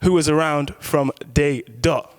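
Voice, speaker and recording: A man hosting a casual DIY studio interview, loud, slangy and joking. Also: fairly high pitch, a little slow, dry recording. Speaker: host. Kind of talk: casual hip-hop interview chat.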